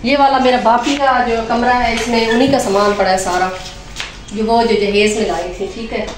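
A woman's voice: a little high, fairly even intonation, moderate pace. A middle-aged woman from Pakistan with a Pakistani Urdu accent, chatting to viewers as she gives a casual tour of a village house and its rooftop. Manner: chatty, addresses viewers as friends, points things out. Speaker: vlogger. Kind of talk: casual home tour vlog. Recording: roomy sound with clear background noise.

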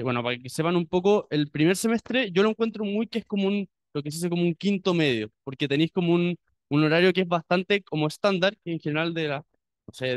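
A man's voice: on the high side, no echo. A young man in his twenties with a Chilean accent, a university student talking casually to prospective students, chatty with many restarts. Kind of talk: informal talk to prospective students.

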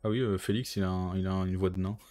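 A man's voice: deep voice, steady tone, fast, a little mellow, faint music behind. A man giving casual co-op strategy game commentary, muttering through menus as he thinks aloud. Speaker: gaming streamer.

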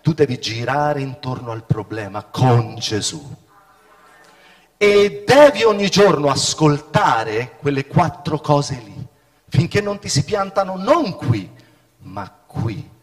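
A middle-aged man preaching a sermon in a church hall, swinging from shouts to hushed tones. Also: on the high side, very animated, slow pace. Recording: long reverb of a hall.

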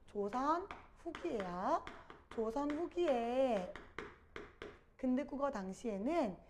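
High-voiced woman teaching grammar. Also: a little mellow, slight background noise. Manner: addresses students directly, asks and answers her own questions. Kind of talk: Korean grammar lecture.

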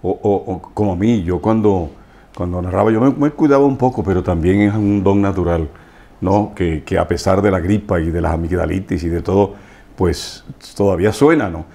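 A man's voice: low-pitched, moderate pace, vocal fry, warm tone. A man hosting an interview, asking chatty, rambling questions. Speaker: interview host.

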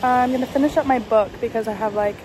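A young woman vlogging her trip from a hostel and a beach, chatty and excitable, swearing casually and sometimes dropping to a hushed whisper. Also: a little high, fast talker, a crowd in the background. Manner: often drops to a hushed whisper in shared rooms. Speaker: travel vlogger. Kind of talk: casual travel vlog.

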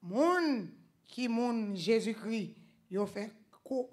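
A woman with a Haitian accent preaching a fervent sermon at a church service, swinging between loud outbursts and quiet stretches, with repeated exclamations of praise. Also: medium pitch.

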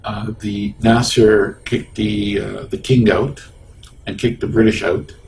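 In a small office, an engineering professor in his sixties, born in Egypt with Arabic as his first language, recalls his past hesitantly with many ums for an oral history interview. His voice is on the low side, slow, creaky and darkish, with little pitch movement. Recorded on a lapel mic far from his mouth, the poor audio carries a little hiss or hum.

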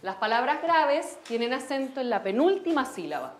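An actress playing a patient, gentle schoolteacher in a television drama, with a Chilean accent. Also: female voice, high-pitched, very animated, normal speed. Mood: teaching. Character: warm young female schoolteacher.

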